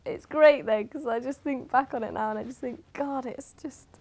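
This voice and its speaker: A woman's voice: sits high, moderate pace, darkish tone. A woman from southwest England, telling an amused story about her childhood beliefs in an interview.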